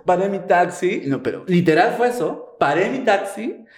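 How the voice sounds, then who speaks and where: A man with a Peruvian Spanish accent tells a personal story in a casual chat. He is campy and animated. His pitch sits in the middle but swings widely. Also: normal speed. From Peru.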